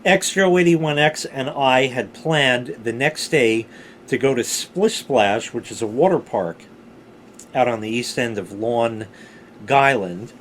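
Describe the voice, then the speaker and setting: A middle-aged man of medium pitch tells casual, rambling stories. He is salty and animated, stretching words for emphasis, with a little ambient noise behind him. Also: slow. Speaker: storyteller, vlog host.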